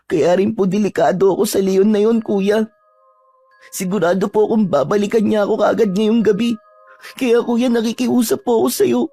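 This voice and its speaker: A woman's voice: a little high, breathy edge. A woman voicing a polite, frightened young aswang who earnestly begs to be hidden and protected, in a told horror story. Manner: respectful, earnest, soft-spoken pleading.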